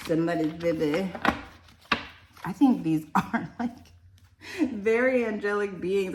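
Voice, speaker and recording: A woman's voice: lowish voice, echoey room, slight background noise. A woman giving a casual, rambling spiritual card reading, chatty and enthusiastic. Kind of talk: casual tarot-style reading.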